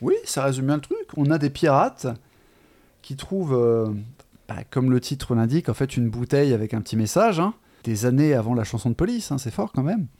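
Man, podcast co-host, casual book chat, hesitant, halting, mid-pitched voice. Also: lively intonation, a little mellow. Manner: hesitant, many fillers and restarts, chatty. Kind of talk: casual literary discussion.

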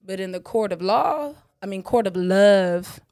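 A woman's voice: medium pitch, expressive, unhurried, darkish tone. A woman co-host bantering casually in a brash, slangy, profane way. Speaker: podcast co-host.

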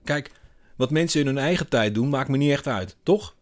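A man doing a shouting, ranting bar-stool grumbler. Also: medium pitch, moderate pace, pitched above the performer's own voice, natural voice. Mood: indignant. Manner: indignant, shouting, bellowing. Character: angry middle-aged man ranting at a bar.

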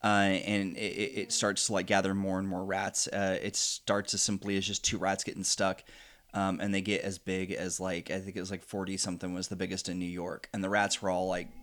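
A man's voice: sits low, little pitch movement, fairly quick, fairly bright tone. A man playing in a tabletop role-playing game, chatting casually in a laid-back, playful way. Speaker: player and show host.

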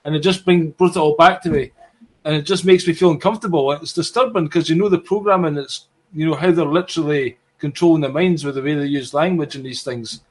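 Higher-voiced man chatting informally. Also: quick pace. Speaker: interviewer. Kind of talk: casual chat.

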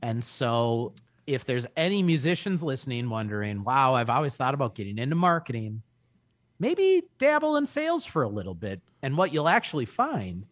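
Emphatic man in his forties, lively pitch. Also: moderate pace, dry recording. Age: 40s. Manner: energetic, emphatic salesman's pitch. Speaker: guest. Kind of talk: casual podcast chat.

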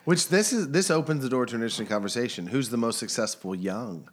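A man's voice: mid-range voice, expressive, fast talker, slightly rough. A man co-hosting a casual podcast, laid-back and joking as he chats, with faint music behind. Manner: laid-back, joking, talks while eating. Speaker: podcast co-host. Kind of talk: casual chat.

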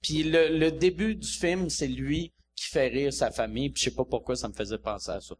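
A man's voice: mid-range voice, brisk, a little hiss or hum. A man with a Quebec French accent hosting a comedy podcast, chatting casually with teasing, rambling jokes. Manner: teasing, rambling, jokey asides. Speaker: podcast host.

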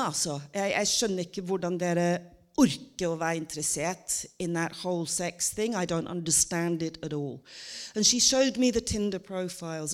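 A woman who was trained as an actor, giving a stand-up monologue to a live audience and moving between chatty asides and theatrical declamation. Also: mid-range voice. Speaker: stage performer. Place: stage before a live audience.

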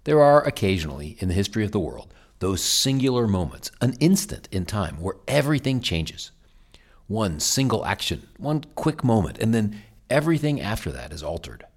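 A man hosting a history podcast, narrating a scripted episode as a lively storyteller with dramatic emphasis. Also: lowish voice, normal speed.

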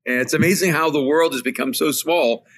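A man from El Salvador whose first language is Spanish, speaking as a podcast guest in an earnest, reflective storytelling way, in quick bursts. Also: on the high side, a bit bright. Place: remote call from home.

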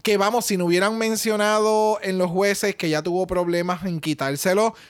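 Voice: medium pitch, fairly even intonation, moderate pace. A podcast co-host chatting casually in emphatic, profane Spanglish, switching between Spanish and English slang. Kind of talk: casual chat, opinionated review.

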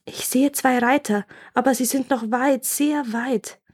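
A woman's voice: sits high, steady tone, unhurried, darkish tone, slightly rough, voice pushed up. A woman voicing a young sister keeping watch from a tower, answering in a sing-song, rhyming chant. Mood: calm.

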